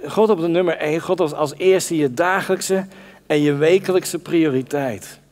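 A man's voice: fairly high pitch, normal speed, darkish tone. A man preaching a conversational sermon, talking directly to the congregation and acting out the Bible voices. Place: church hall. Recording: long church reverb.

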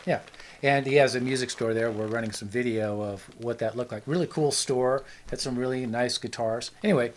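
Casting note: relaxed male co-host, mid-pitched, rambling and jokey, faint noise behind. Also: a little fast, poor audio. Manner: rambling, easygoing, joking. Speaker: show co-host. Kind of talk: casual chat.

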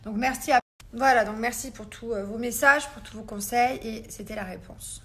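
A woman's voice: on the high side, moderate pace, pushed and bright. A young mother chatting casually to her followers in a phone story, rambling with lots of fillers.

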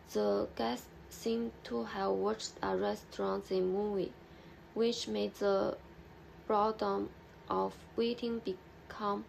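A young woman presents for a class over a webcam, reading her notes slowly and with care. Her voice is heavily gravelly with deep vocal fry. A faint hum sits behind her. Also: a little mellow, low-quality recording. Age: young adult. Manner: slow, careful reading with restarts. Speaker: student presenter.

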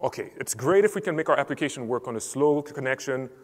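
A Cameroonian conference speaker gives a structured technical talk from the stage of a large conference hall, presenting clearly. His medium-pitched voice is expressive and fast, and the recording sounds reverberant.

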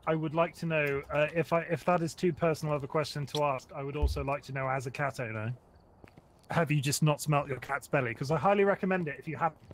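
A man's voice: fairly high pitch, fairly even intonation, fast, a little hiss or hum. A man chatting casually while playing a game with friends, rambling into goofy jokes and asides. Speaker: co-player on a stream. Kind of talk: casual gaming chat.

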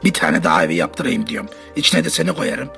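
A man's voice: mid-range voice, big pitch swings, quick pace, gravelly, a bit bright, faint music behind, exaggerated voice. A man voicing a sleazy, domineering, mock-romantic brute in a comedy parody dub. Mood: smug, sleazy.

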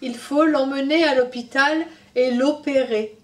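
A woman's voice: high-pitched, fairly even intonation, unhurried, voice pushed up. A woman doing a cheerful, reassuring doctor. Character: kind smiling male doctor, a rabbit. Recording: voice from a distance off the mic.

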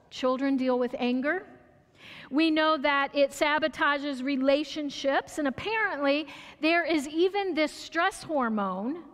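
American woman, pastor. Chatty sermon delivery, high voice, reverberant sanctuary. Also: fairly bright tone. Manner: conversational, asks the audience questions, restarts and stumbles. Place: church sanctuary. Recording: church hall reverb.

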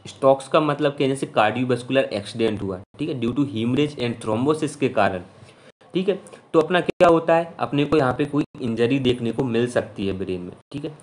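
Male lecturer, casual explainer tone, mid-range voice, keeps asking "okay?". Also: mid-range voice. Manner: chatty teaching, constant "theek hai" check-ins; mixes English terms into Hindi speech. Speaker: physiology lecturer.

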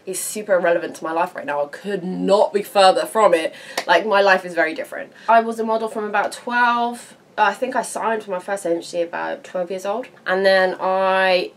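British woman, thirties, beauty vlogger, casual chat to camera, frank, sweary, mid pitch, faint room noise. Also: fairly quick. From England. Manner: chatty, frank and sweary, animated.

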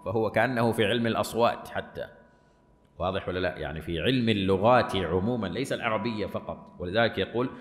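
Sheikh teaching in an echoing mosque. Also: male voice, fairly low pitch, quick pace. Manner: reads a passage aloud, then explains and checks with "clear or not?". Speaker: sheikh teaching a study course. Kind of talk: lecture on Quranic recitation. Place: large mosque hall. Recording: echoey hall with long reverb.

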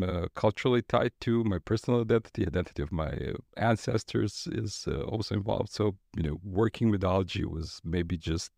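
Laid-back man, fairly low voice. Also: vocal fry, dry recording, clean studio sound. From Croatia. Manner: relaxed, rambling with frequent fillers and laughs. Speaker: guest artist. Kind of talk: casual interview talk. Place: studio.

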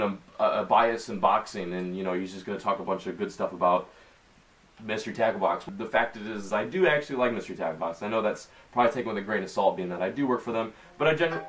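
Slight background noise accompanies a young man's fairly low, somewhat bright voice, a little fast, as he unboxes fishing tackle indoors at his bedroom desk. His Midwestern American accent and casual chatter come packed with slang and fillers.

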